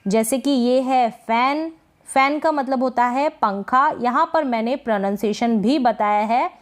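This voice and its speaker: Woman, fairly high-pitched, teaching tone, asks and repeats each word. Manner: slow drilled word repetition with quiz questions. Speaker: English teacher. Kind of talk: spoken-word pronunciation lesson.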